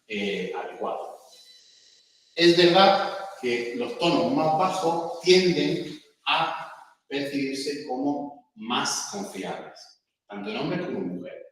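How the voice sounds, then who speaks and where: A man gives a lecture on using the voice, pausing to check in with his audience. He is heard from a distance in a room with heavy echo and a long reverb tail. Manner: explanatory, demonstrates pitch exercises aloud, frequent "¿vale?". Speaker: communication workshop instructor. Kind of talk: lecture with vocal demonstrations. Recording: echoey room, voice from far off.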